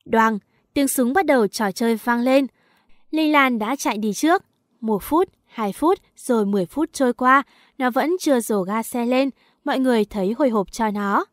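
Female audiobook narrator, somewhat high voice, dry booth sound, reads a teen story and does every character lightly. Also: normal speed, dry recording. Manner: reads dialogue of many characters in one lightly shifted voice.

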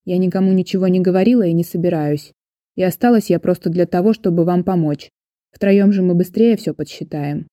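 A woman's voice: on the low side, fairly quick, warm tone, no echo, studio quality, lightly acted. A woman reading the part of an earnest, eager-to-help woman jury member in an audiobook, in a protesting, sincere manner.

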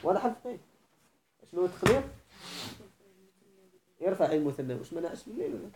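A man's voice: high voice, big pitch swings, quick pace, vocal fry, darkish tone, a little hiss or hum. A man with a Moroccan Arabic accent teaching a grammar lesson, going over each point step by step, repeating it, and often asking whether the class is following. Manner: explains step by step, repeats points, keeps checking students follow.

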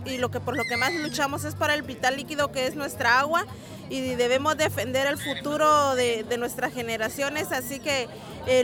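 A woman from Guatemala, an activist, answering a radio interview outdoors in a hesitant way, with many fillers. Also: high voice. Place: outdoors at a march. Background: crowd.

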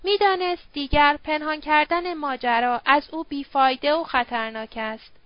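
High-voiced woman reading an audiobook. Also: no echo, muffled recording. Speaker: audiobook reader. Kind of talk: audiobook narration.

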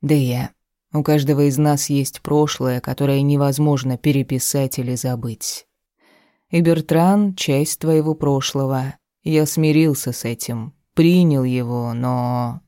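A reader voicing a seductive male mage who talks to his wife in a low husky murmur. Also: fairly even intonation, measured pace, warm tone, dry recording, studio quality, lightly acted. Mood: tender.

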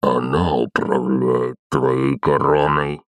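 A cold masked villain with a very deep, gravelly voice, dragging each word out slowly in contempt, as a male narrator plays him. His delivery is measured and unhurried, and the sound is dry and close to the mic. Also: flat delivery, exaggerated voice. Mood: contemptuous. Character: cold masked fire-wielding villain, man.

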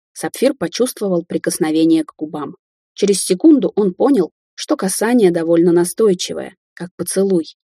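A woman narrating an audiobook in a measured, expressive way, recorded close and dry. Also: on the low side, slightly rough, dry recording. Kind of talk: scripted narration.

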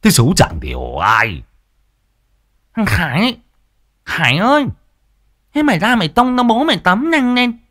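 A man's voice: high voice, huge pitch swings, unhurried, long pauses, fairly bright tone, pitched above the performer's own voice, heavily acted. A man voicing a bossy, nagging middle-aged village wife in a spoken story. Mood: scolding. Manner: scolding, bossy.

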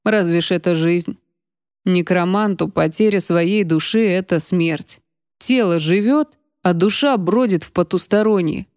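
A woman's voice: on the low side, measured pace, a little mellow, smooth, dry recording, close to an everyday voice. A woman voicing a blustering middle-aged aunt who bellows and scolds, read on a close dry mic. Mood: bitter.

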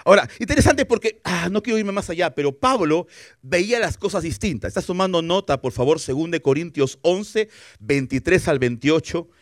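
A man preaches a sermon as a guest pastor, with a fairly high voice. He is animated, acts out what people say and keeps asking his listeners questions. The sound is dry and close, picked up by a broadcast mic. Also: normal speed, no room sound. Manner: animated, acts out quotes, asks rhetorical questions. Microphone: broadcast for television.

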